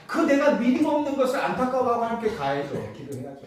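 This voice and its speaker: Korean pastor preaching in an echoey hall. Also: male voice, very high-pitched, big pitch swings, fast talker, slight background noise. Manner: preaching with rhetorical questions, emphatic repetition. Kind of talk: sermon. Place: church sanctuary. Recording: echoey church hall, distant mic.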